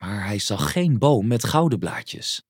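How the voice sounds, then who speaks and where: Male storybook narrator, lively melody, unhurried, close dry read. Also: fairly low pitch, husky, no echo. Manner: expressive, storytelling. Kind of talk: scripted narration of a children's story.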